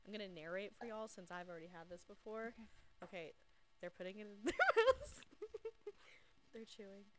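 A woman's voice: mid-range voice, sing-song, normal speed, fairly bright tone. Chatty young Southern woman. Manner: chatty, playful, laughs a lot. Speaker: podcast co-host. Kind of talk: casual chat. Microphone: shared podcast mic.

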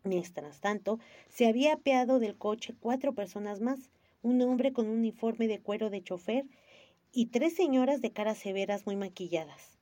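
A woman narrating a storybook aloud, with lively shifts into character voices. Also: fairly high pitch, moderate pace, no echo. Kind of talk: storybook reading.

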